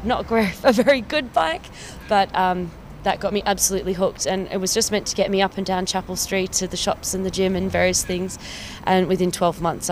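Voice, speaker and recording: Out on a city street, a Perth woman in her thirties who works as a cycling campaign officer chats to camera about her own experiences. She speaks with an Australian accent, enthusiastic and laughing lightly, in a voice on the low side with slight background noise.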